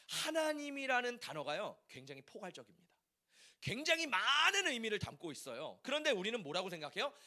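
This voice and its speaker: A man's voice: high-pitched, sharp tone. A male pastor preaching a Sunday sermon in a church, asking the congregation questions as he goes. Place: church sanctuary.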